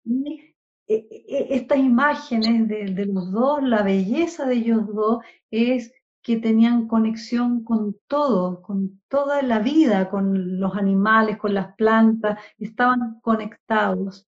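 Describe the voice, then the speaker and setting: Reflective, earnest woman guest, slightly high voice, dull lo-fi call sound. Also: slow. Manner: earnest, reflective, spiritual talk. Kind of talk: casual spiritual chat.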